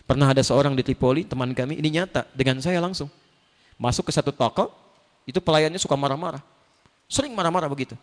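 A man preaching a sermon, telling stories and acting out the dialogue with big swings in his voice. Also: fast talker. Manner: animated storytelling, acts out dialogue with big pitch swings. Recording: reverberant hall.

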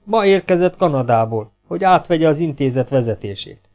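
A man's voice: on the high side, animated, darkish tone, faint music behind, pitched above the performer's own voice. A man voicing a chubby, dim-witted asylum orderly who speaks in an eager, fawning way.

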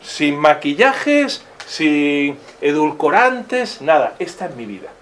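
A catechist with a Spanish accent teaches a religious class informally and animatedly, asking many rhetorical questions and acting out quoted voices. His voice is on the high side, and his pace is slow.

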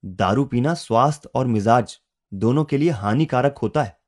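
A man's voice: medium pitch, a little mellow, lightly acted. A man voicing a shy, polite young delivery man who talks earnestly and in a rush. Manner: timid, earnest, rushed in one breath.

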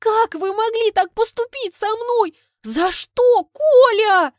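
A woman's voice: very high voice, takes it slowly, no room sound, studio quality, pitched above the performer's own voice. A woman reading an audiobook, voicing a melodramatic young heroine who breaks into wailing outbursts. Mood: horrified.

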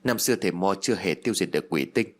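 Man as a calm, knowing uncle. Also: sits low, rapid-fire. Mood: grave. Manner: explaining, gently teasing.

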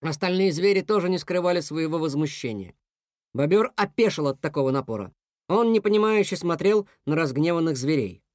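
An expressive storyteller reads a children's fairy tale with a lively, rising and falling voice. The recording is close and dry, with no room sound. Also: mid-range voice, a little fast, no room sound. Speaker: audiobook narrator.

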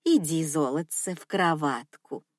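A woman voicing a scheming, manipulative old grandmother who speaks slowly in a cooing, sugary tone. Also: low-pitched, no room sound, studio quality, pitched below the performer's own voice.

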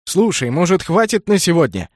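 A man's voice: fairly high pitch, very animated, moderate pace, dry recording, pitched above the performer's own voice. Brief: man playing a weary young mage, raised and exasperated, dry close sound. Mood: coaxing. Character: young male wandering mage, weary, testy.

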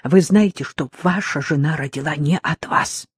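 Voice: medium pitch, moderate pace, husky, no room sound, studio quality. A reader voicing a frantic, tearful deceived wife who pleads breathlessly down the phone in an audiobook. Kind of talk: audiobook reading.

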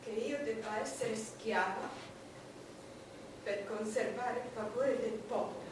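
An actress playing an imperious, bitter, mocking English queen in a theatrical monologue, declaiming with drawn-out scorn. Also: fairly high pitch, noisy background, lightly acted. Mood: scornful, proud. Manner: declamatory, drawn-out, scornful, swinging from brooding to cackling. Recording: echoey, distant stage recording with music.

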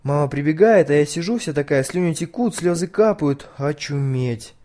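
A man's voice: fairly high pitch, animated, normal speed, a little mellow, lightly acted. A man voicing a frightened, chatty schoolgirl who squeals and pleads breathlessly.

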